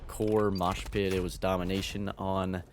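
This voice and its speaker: Low-voiced man, groggy morning commentary. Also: level tone, unhurried. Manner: easygoing, chatty. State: early-morning voice. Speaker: gaming video creator. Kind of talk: gameplay commentary voice-over.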